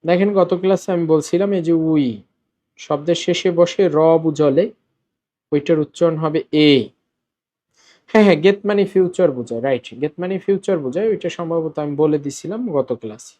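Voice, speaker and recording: A man teaching a Korean lesson in Bengali, explaining step by step, repeating words slowly and asking the class questions. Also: a little high, warm tone. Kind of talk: classroom-style language lesson.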